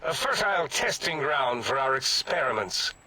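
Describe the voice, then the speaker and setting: An actor playing a haughty, excitable mad-scientist brain in a machine in a video game, with pompous, theatrical diction and a raspy edge. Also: male voice, mid-range voice, moderate pace, dry recording, heavily acted, low-quality recording. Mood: grandiose. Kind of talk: video game character acting.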